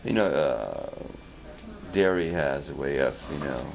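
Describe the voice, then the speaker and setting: Very deep, gravelly man in casual chat. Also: lively intonation, unhurried, crowd noise. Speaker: patient's relative filming the visit. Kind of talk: casual chat, short replies and questions. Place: indoor clinic treatment room. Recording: noisy handheld camera recording.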